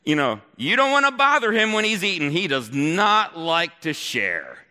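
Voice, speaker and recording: Guy playing a bragging homeowner, gushing and proud, high bright voice, big hall echo. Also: very animated, normal speed, exaggerated voice. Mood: proud, chirpy. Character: cheerful boastful homeowner, oblivious to the mess. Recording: long hall reverb.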